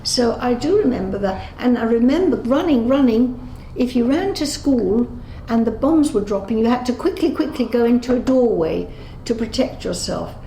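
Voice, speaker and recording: In an unscripted interview, an Englishwoman in her eighties gives Holocaust survivor testimony, storytelling conversationally with self-corrections and acted-out dialogue. Her voice is on the high side, animated and warm, at a moderate pace. Roomy echo and clear background noise are present.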